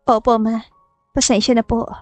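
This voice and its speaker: A woman's voice: on the high side, flat delivery, normal speed, dry recording, faint music behind, lightly acted. A woman doing a timid, obedient young girl. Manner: polite, hesitant, soft-spoken. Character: timid, obedient 20-year-old village girl.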